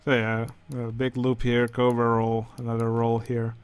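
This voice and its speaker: Man, Dutch accent, casual game commentary, hesitant, flat intonation. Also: medium pitch, normal speed, smooth, no echo. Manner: hesitant, many filler sounds. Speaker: channel host judging a building contest.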